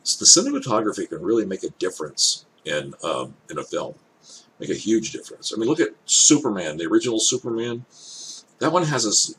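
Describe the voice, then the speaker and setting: An older man with an elderly-sounding voice gives casual off-the-cuff commentary, thinking aloud in halting, hesitant phrases. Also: lowish voice, low-quality recording. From Canada. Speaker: reaction video host. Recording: clear background noise.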